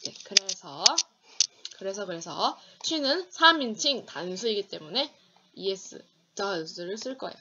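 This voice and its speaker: A Korean woman teaching an online English grammar lecture, reading English example sentences slowly and deliberately. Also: medium pitch, expressive, sharp tone, breathy edge, muffled recording.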